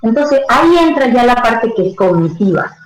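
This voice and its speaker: A woman's voice: fairly high pitch, sing-song, normal speed, roomy sound, poor audio. A woman giving expert advice as a radio interview guest, explaining with everyday analogies. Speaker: stress management educator.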